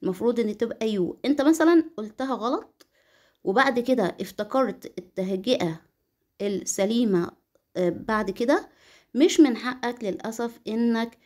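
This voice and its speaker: A woman's voice: a little high, a little mellow. Patient Egyptian woman teaching English. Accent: Egyptian Arabic. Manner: patient, speaks English phrases slowly and clearly. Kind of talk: explaining lesson to children.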